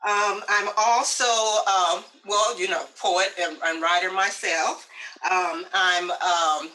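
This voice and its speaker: A woman's voice: lowish voice, fairly even intonation, takes it slowly, bright, forceful tone, poor audio. A woman hosting a casual video call, chatty, upbeat and welcoming. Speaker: host.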